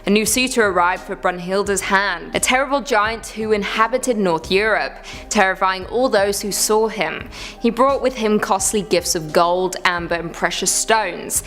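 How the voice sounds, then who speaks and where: A woman's voice: medium pitch, unhurried, fairly bright tone. A woman narrating a legend in a scripted fairy-tale storytelling tone. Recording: faint music bed.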